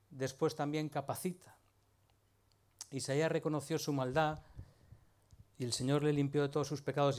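A man preaching a sermon, talking to the congregation in a conversational way and often asking them rhetorical questions. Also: mid-range voice.

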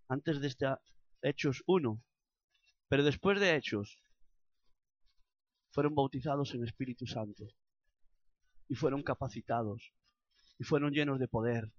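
A man with an accent from Spain preaching a sermon, building to loud impassioned passages and acted prayers. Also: medium pitch, no room sound, lo-fi sound. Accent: Spanish from Spain.

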